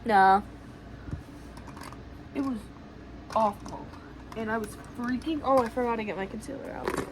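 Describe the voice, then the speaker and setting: A woman vlogger casually telling a long story while doing her makeup at home, rambling and excitable. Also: a little high, measured pace, long pauses, noisy background.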